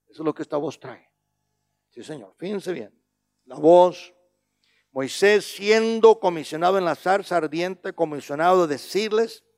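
A male preacher giving a sermon, who keeps asking "¿ve?", slows down on key words and swings between loud emphatic lines and quiet low asides. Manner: repeats a questioning "¿ve?" between points.

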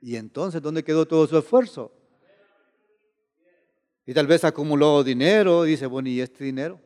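A man preaching a sermon in an animated way, often repeating words and asking the listeners rhetorical questions. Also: fairly high pitch, normal speed, in a large hall.

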